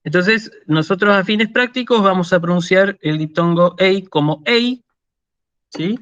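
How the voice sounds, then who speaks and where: A slow, patient lecturer with an Argentine accent and a slightly high voice for a man, often checking in with his listeners as he explains. The recording is dry and a little dull. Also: fairly bright tone, no echo. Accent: Argentine Spanish. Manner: slow and deliberate with many fillers. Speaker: university lecturer. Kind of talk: online lecture.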